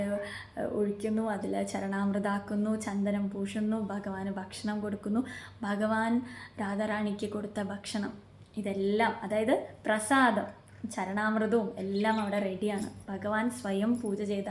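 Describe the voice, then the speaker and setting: A woman's voice: medium pitch, darkish tone. Woman telling a devotional story, echoey. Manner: slow, earnest retelling with rhetorical questions. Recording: echoey room with faint ambient noise.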